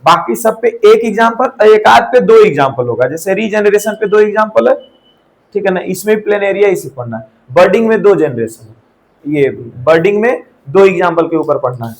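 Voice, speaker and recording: A man's voice: sits high, animated, moderate pace, low-quality recording. A young man giving a live classroom lecture in Hindi, mixing in English terms, asking and answering his own questions and checking in with students. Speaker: teacher.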